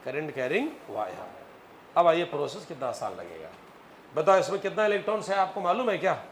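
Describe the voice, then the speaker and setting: A male physics teacher lectures with animated storytelling and keeps quizzing his class. His voice sits a little high for a man. The room is echoey with a faint hum behind. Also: brisk.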